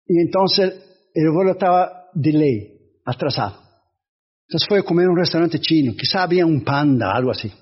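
A man preaching a sermon as a pastor, telling animated stories and imitating sounds. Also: a little high, moderate pace, breathy edge, muffled recording.

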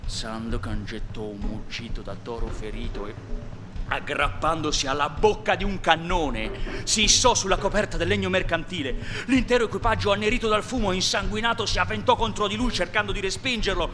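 A man's voice: sits high, brisk, music in the background. A man giving a dramatic, driving reading of an adventure novel. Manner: vivid, driving narration. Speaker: reader.

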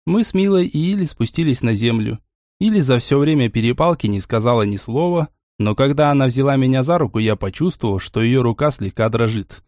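A man's voice: medium pitch, lively intonation, fairly quick, darkish tone, no echo. Male audiobook narrator, dry close sound. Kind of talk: first-person audiobook narration.

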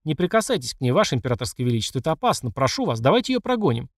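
A man's voice: mid-range voice, very animated, racing, no echo. Brief: male narrator playing a prim, indignant adjutant in an audiobook, dry sound. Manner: overly polite, insistent. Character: stiff, scandalized male adjutant.

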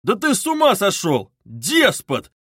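A man voicing a tipsy young man, loud, blustering and drunkenly emphatic. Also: fairly high pitch, animated, normal speed, no room sound, studio quality, voice pushed up. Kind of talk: audiobook character reading.

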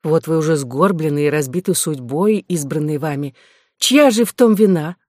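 Reader doing a courtesan sister, proud, scolding, lecturing, middle pitch, dry close sound, audiobook. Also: normal speed, darkish tone, no echo, natural voice. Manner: lecturing, reproachful. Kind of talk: audiobook reading.

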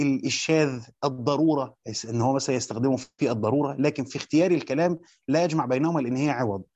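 A man's voice: on the high side, a little mellow, dry recording. A man with an Egyptian Arabic accent teaching a grammar lesson, reading a classical text aloud and then explaining it in everyday speech with hesitant restarts. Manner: hesitant, with frequent fillers and restarts. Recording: dull, muffled sound.

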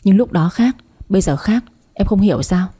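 Woman doing a young guy hushing his lover, cautious, scolding, warm husky tone. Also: medium pitch, animated, normal speed. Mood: hushed scolding. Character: young man, cautious and irritable.

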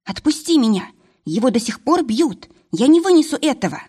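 A woman voicing a shrill, frantic young woman. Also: sing-song, measured pace, darkish tone. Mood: frantic pleading. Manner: shrill pleading cries.

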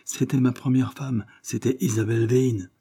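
A man reading the part of a grave husband who confides a painful secret, in a solemn, measured manner. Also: medium pitch, fairly even intonation, warm tone, breathy edge, pitched above the performer's own voice.

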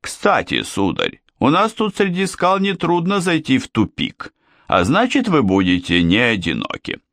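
Brief: a man as a booming, coaxing old penguin king from a storybook, slow and gravelly. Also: wildly swooping pitch, fairly bright tone, dry recording, studio quality, exaggerated voice. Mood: jovial. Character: jovial pompous old male penguin king. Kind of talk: audiobook character reading.

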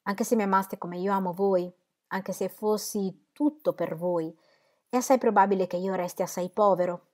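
A woman's voice: mid-range voice, steady tone, normal speed, darkish tone, natural voice. A woman reading aloud, voicing a proud, poor young man in love who bursts out in bitter anger. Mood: despairing.

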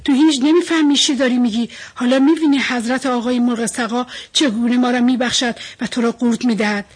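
A woman's voice: a little high, fairly even intonation, husky. A woman voicing a crowd of frightened tiny fish who plead and whine in a storybook reading. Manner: pleading, whiny.

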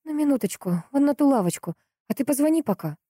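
Young worried woman, raised pitch, urgent and emotional, read by a woman, dry sound. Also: animated, fast talker, warm tone, no room sound. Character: anxious young woman, a fiancée.

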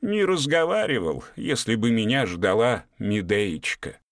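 A man voicing a boastful, flirtatious grown man with a wheedling, lively way of talking. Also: lowish voice, unhurried, dry recording, clean studio sound. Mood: flirting.

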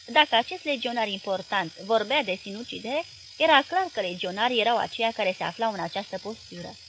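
A woman reading a novel aloud as an audiobook narrator, in a measured and expressive way. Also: mid-range voice, a little hiss or hum, poor audio.

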